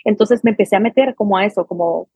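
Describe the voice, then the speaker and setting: Husky Guatemalan woman telling stories. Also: medium pitch, fast talker, no echo. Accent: Guatemalan Spanish. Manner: animated, acts out the people in her stories. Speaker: guest. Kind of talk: conversational storytelling.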